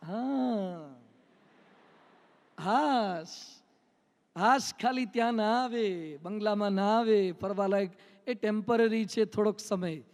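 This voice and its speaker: High-voiced monk preaching in a hall. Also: male voice. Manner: storytelling, playful, mimics people. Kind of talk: humorous sermon with anecdotes. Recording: long hall reverb.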